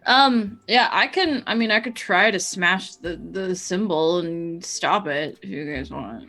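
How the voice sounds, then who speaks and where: A woman's voice: on the low side, unhurried, bright, forceful tone. A woman playing a tabletop game, asking the dungeon master questions and thinking her moves aloud. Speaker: player. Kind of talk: casual tabletop play.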